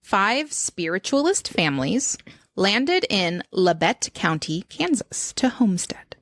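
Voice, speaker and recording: A woman hosting a podcast in casual chat, an animated storyteller who laughs often. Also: mid-range voice, slow pace, no room sound, clean studio sound. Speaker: podcast host.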